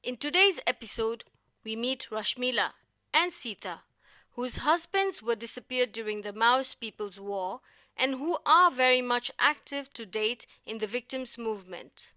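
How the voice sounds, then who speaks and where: A woman from Nepal co-hosting a podcast, giving measured, scripted narration. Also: fairly high pitch, sharp tone, dry recording. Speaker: podcast co-host.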